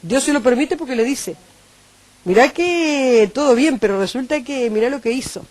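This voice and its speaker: A woman with a Uruguayan Spanish accent preaching a sermon, animated and acting out the voices she quotes. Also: high voice, normal speed, no room sound.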